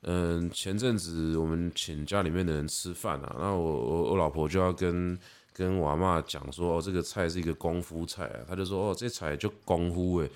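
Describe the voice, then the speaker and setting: A man in his thirties with a Taiwanese Mandarin accent, hosting a podcast and patiently explaining pronunciation, slowly demonstrating sounds. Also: sits low, fairly even intonation, a little mellow. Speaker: podcast host. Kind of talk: casual explanatory monologue.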